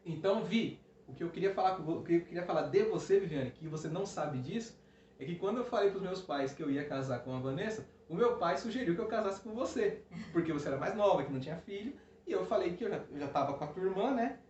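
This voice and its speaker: A man casually telling a personal story to the camera, animated, with many restarts and "né?" tags. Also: sits high, fast. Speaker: co-host, husband. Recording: roomy, dull lo-fi sound with faint hiss.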